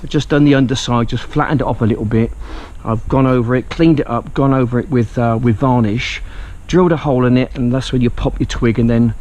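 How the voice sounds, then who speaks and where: A man's voice: medium pitch, a little mellow. A man from England talking casually in a video diary, rambling and joking about himself. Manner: chatty, self-mocking, rambling. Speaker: vlogger. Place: outdoors.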